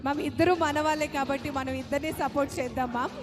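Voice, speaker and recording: A woman's voice: sits high, fairly even intonation, rapid-fire. A woman with a Telugu accent making live event announcements in a formal, courteous way. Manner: formal, courteous, honorific-laden. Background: loud music.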